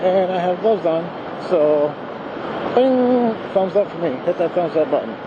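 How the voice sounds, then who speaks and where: A man's voice: sits high, expressive, a little slow, highs cut off. A man talks casually and loosely to viewers from inside a motorcycle helmet while riding, rambling and correcting himself as he goes. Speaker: motorcycle vlogger. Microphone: wired mic in helmet to voice recorder. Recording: inside a helmet, loud wind and engine noise.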